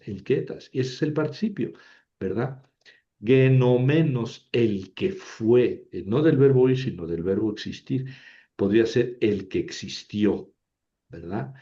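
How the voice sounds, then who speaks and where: A man teaching an Ancient Greek grammar lesson, slowly and patiently repeating each form and checking in with his listeners. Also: mid-range voice, mellow, dull audio.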